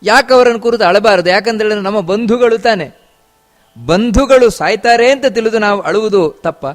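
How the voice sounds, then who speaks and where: High-voiced man explaining scripture. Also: normal speed, faint music behind. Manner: repeats key phrases, asks rhetorical questions. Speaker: religious teacher. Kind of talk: scripture discourse with chanted verses.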